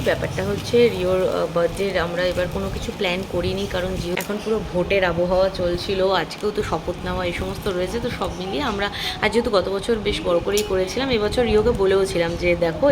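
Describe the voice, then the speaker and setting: Woman, 30s. Hushed, chatty home-vlog narration, phone mic, steady noise behind her in the house. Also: medium pitch. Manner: speaks softly, in a hushed chatty tone. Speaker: vlogger and mother. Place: at home, indoors. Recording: home recording with clear background noise.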